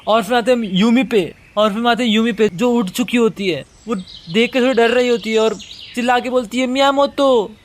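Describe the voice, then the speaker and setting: High-voiced man recapping a manga. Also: fairly even intonation, brisk. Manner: casual retelling. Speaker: manga explainer. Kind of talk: storytelling recap.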